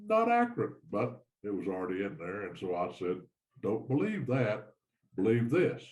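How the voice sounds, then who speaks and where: A man's voice: fairly low pitch, a little mellow. Older man explaining with earnest restarts. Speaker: guest author. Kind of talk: casual video call interview.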